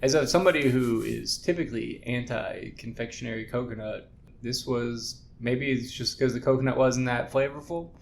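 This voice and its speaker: Gravelly man with dry wisecracks. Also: mid-range voice, moderate pace, a little hiss or hum. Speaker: podcast co-host. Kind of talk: casual podcast chat.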